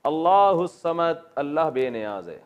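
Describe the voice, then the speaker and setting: A man's voice: on the high side, sing-song, clean tone, highs cut off. A man with a Pakistani Urdu accent, a religious teacher giving a classroom lesson on Quran grammar, explaining step by step, quizzing his students and telling jokes.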